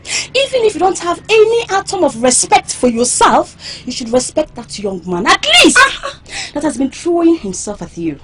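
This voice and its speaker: An actress playing a bold, sharp-tongued young village woman who taunts loudly and scornfully. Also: high-pitched, very animated, moderate pace. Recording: noisy background.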